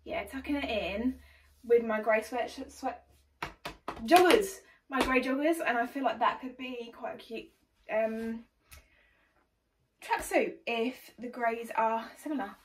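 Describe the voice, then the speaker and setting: A bubbly young English woman talks excitedly through a clothing haul, her voice sitting a touch high. She chats fast and casually to the camera, full of energy, from her room under a ring light. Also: slight background noise, poor audio. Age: young adult. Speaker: vlogger.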